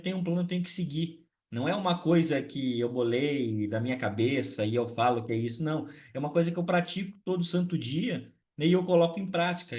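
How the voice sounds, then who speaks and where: A trading channel host with a Brazilian Portuguese accent gives a casual trading recap, chatting along with many tag questions. His voice is slightly hoarse and a little high.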